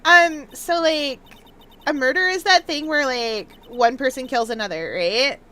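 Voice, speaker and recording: Woman acting a bubbly sorority-type Valley Girl, ditzy game character, high voice, slow drawn-out delivery, questioning lilt. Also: bright, forceful tone. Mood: perky, clueless. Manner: bubbly sorority-girl talk, filler-heavy, statements lilting like questions. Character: bubbly valley girl college student, ditzy and fun-loving. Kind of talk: video game voice-over read-aloud.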